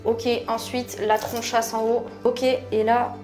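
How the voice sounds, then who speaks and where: A young woman from France chatting casually to camera in her bathroom at night, slangy and animated with viewers. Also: fairly high pitch, slow, faint music behind. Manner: chatty, slangy, addresses viewers as "les gars". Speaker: YouTuber.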